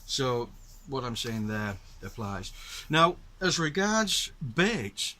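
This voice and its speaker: Speaking slowly in a sing-song, medium-pitched voice that sounds pushed and bright, this middle-aged man from the north of England hosts a casual show-and-tell. With his Northern English accent, he patiently explains his gear to viewers.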